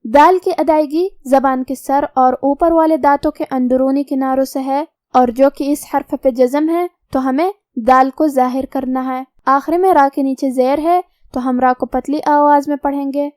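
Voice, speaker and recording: A woman teacher patiently explaining Quran recitation rules letter by letter, then reciting verses slowly. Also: sits high, fairly even intonation, darkish tone, dry recording, studio quality. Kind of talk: tajweed lesson with slow recitation.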